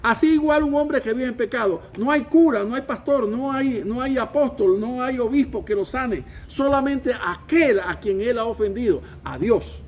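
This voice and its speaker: A man's voice: very high voice, normal speed, hardly any pauses, darkish tone, a little hiss or hum. A man preaching a sermon as pastor, emphatic, calling the congregation to repeat after him. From Venezuela. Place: church.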